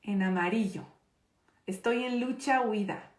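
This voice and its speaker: A woman's voice: medium pitch, a little slow, reverberant. A woman teaching a live online parenting class. She talks conversationally, checks in with her audience often and stresses her key points. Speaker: parenting course instructor.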